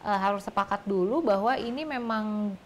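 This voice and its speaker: A woman's voice: mid-range voice, normal speed, slight background noise. A woman in her thirties, a psychologist, explaining parenting earnestly in a casual discussion. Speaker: psychologist guest.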